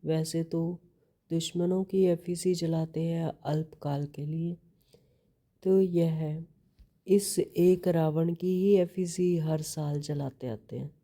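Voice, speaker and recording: A woman gives a devotional sermon in a low, dark, mellow voice. She speaks slowly and patiently, repeating key phrases. She poses rhetorical questions as she explains a scripture reading. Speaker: spiritual teacher explaining a daily scripture reading.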